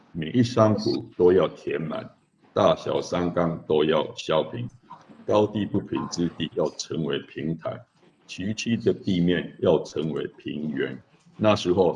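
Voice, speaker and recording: A man, serving as a church elder, reads scripture aloud in a measured, declamatory way. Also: low voice, darkish tone. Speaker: church elder leading worship. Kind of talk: scripture reading. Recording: dull lo-fi recording with faint noise.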